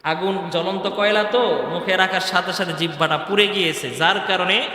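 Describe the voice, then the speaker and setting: A man's voice: high-pitched, steady tone, moderate pace, sharp tone. A man preaching a sermon in Bengali with a Bangladeshi accent, telling a story and acting out its voices. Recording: echoey hall.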